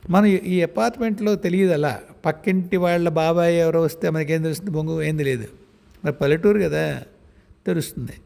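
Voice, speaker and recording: Speaking directly to his listeners, a spiritual practitioner shares personal stories in a conversational, reflective memoir-style talk. His voice is a little high and fairly quick, with vocal fry and a darkish tone, and the recording has long reverberant room echo.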